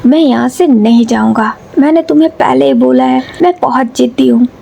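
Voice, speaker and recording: A woman's voice: sits high, normal speed, vocal fry, dark tone, exaggerated voice. A woman voicing a stubborn, cheerful young man who coaxes and pleads. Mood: pleading. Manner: coaxing, pleading.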